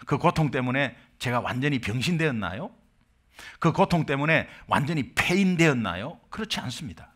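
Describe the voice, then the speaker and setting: A man's voice: mid-range voice, big pitch swings, moderate pace, fairly bright tone. A middle-aged man from Korea, a pastor preaching an impassioned sermon full of rhetorical questions.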